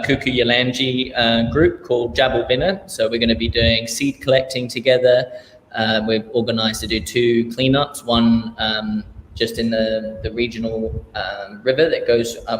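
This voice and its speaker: Australian male charity founder, loose rambling interview talk, monotone, echoey room. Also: mid-range voice. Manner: relaxed, rambling, many fillers and restarts. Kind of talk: casual interview. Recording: echoey room with faint noise.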